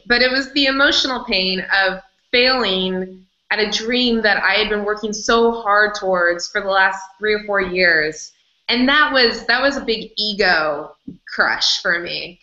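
Woman guest telling her story, lively and laughing a lot, echoey room, kinda muffled. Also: medium pitch. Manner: animated, laughs often, acts out her own past words. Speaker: interview guest. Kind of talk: candid storytelling in conversation. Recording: slightly dull, roomy recording.

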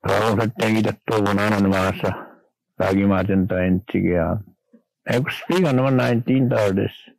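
A man's voice: on the low side, fairly even intonation, creaky, dry recording, low-quality recording. Older man rambling in a dry studio. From Manitoba, Canada. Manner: rambling and halting, with many restarts. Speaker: guest elder on a radio interview. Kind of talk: radio interview, recalling old times.

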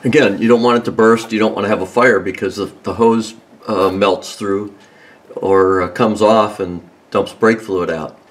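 Low-voiced man explaining car repairs. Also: moderate pace. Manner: relaxed, rambling, with many ums and restarts. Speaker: home mechanic host. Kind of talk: casual how-to demonstration. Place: under a car in a garage.

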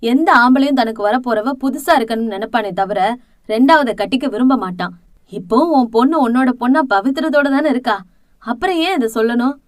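A woman's voice: a little high, a little fast, no room sound, studio quality, close to an everyday voice. A woman voicing a blunt, protective older matriarch who lectures firmly in an audiobook drama. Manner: scolding, firm and lecturing.

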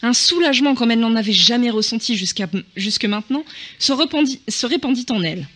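A man narrating a short story in a soft, hushed, measured way. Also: very high-pitched, animated. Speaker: reader.

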